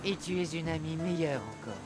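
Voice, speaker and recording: A woman voicing a restless, determined female sailor in a game cutscene, quiet in manner. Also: sits low, expressive, fairly quick. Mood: resolute. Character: restless woman sailor leaving her crew, resolute. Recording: distant voice under loud guitar music.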